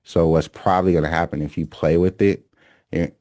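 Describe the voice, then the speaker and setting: Deep-voiced man teaching a chart lesson. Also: flat delivery, fairly quick, warm tone, no room sound, studio quality. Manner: emphatic, repeats key phrases, many "okay?" and "right?" check-ins. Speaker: trading instructor. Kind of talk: recorded lesson on chart analysis.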